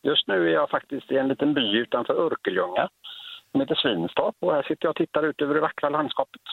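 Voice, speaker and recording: A man calling in to a radio show, speaking in a friendly, unhurried way. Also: medium pitch, lively intonation, vocal fry, a little hiss or hum. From Gothenburg, Sweden. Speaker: caller. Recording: phone line.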